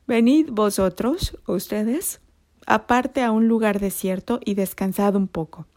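A woman voicing a calm, commanding adult man in a children's Bible story, speaking slowly and firmly. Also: high voice.

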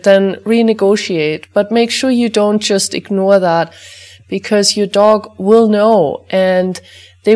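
A woman teaching an energy healing exercise for dog owners, guiding gently and repeating chant-like clearing phrases. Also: mid-range voice. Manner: calm, repetitive incantation-like clearing phrases.

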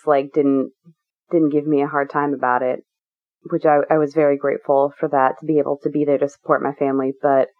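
A woman being interviewed as a guest, talking candidly and at length, with many fillers and restarts. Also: sits low. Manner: earnest, rambling with many fillers. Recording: tinny phone-like line.

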